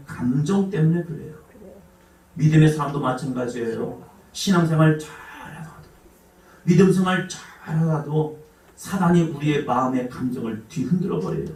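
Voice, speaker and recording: A man preaching a sermon as pastor, swinging from loud exhortation to hushed asides. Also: high voice. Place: church sanctuary. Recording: echoey church hall, mic at a distance.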